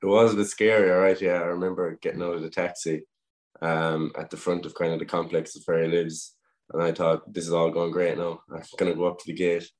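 A young Irish man in his twenties, a guest footballer telling a story in a casual interview, relaxed and anecdotal with frequent "um" pauses. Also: sits low. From Ireland.

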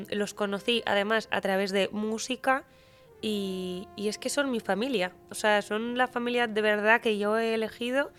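A woman guest in a casual podcast conversation, talking in an animated, heartfelt and slangy way. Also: a little high. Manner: animated, emotional, slangy, often says "tío".

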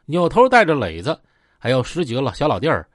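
A male storyteller with a Northeastern Mandarin accent, telling a tale in colloquial, vivid speech with sound words. His pitch is lively and varied. The recording is dry and close. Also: fast talker, dry recording. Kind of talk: oral storytelling of gangster tales.

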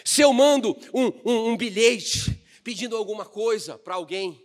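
Brief: an emphatic Brazilian pastor, high-pitched, in an echoing church hall. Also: male voice, moderate pace. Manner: fervent, emphatic, often asks the congregation if they understand. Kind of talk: sermon. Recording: echoey hall reverb.

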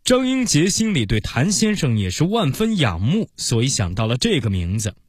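Husky, lively-pitched children's storyteller man. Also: normal speed, no echo, clean studio sound. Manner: expressive, addresses children as dear babies.

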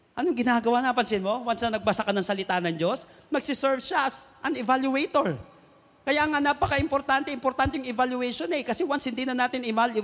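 A man preaching a sermon as pastor, mixing Tagalog and English and building to loud emphatic points. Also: extremely high pitch. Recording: long hall reverb.

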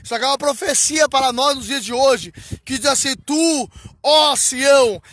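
A man preaching a fervent sermon, drawing out and shouting scripture lines and breaking into tongues. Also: very high voice, quick pace. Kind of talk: fervent Pentecostal-style sermon.

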